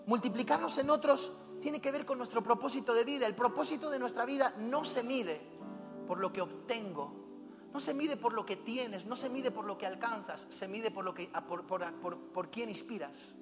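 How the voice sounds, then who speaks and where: High-voiced fervent pastor preaching. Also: male voice, normal speed. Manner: fervent, exhorting, anecdotal. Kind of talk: sermon. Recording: reverberant hall with music.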